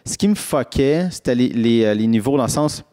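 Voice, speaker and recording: A man's voice: mid-range voice, lively intonation, fairly quick, mellow. Rambling man with a Quebec accent. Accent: Quebec French. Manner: rambling, repeats words, slangy. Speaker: podcast co-host. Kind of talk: casual film discussion.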